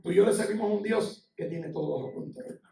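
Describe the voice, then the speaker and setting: A man's voice: high-pitched, quick pace, creaky, mellow. A middle-aged man with a Puerto Rican accent, preaching a sermon in an impassioned, conversational way, sharing personal testimony. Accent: Puerto Rican Spanish. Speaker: pastor. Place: church sanctuary. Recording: echoey church, from far off.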